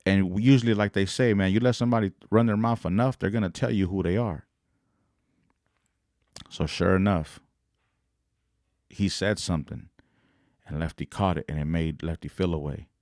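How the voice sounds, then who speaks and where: A man's voice: low voice, fairly even intonation, normal speed, pauses often, a little mellow, no echo, clean studio sound. A man hosting a podcast, talking casually in slang and rambling as he acts out what other people said. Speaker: podcast host. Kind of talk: casual commentary.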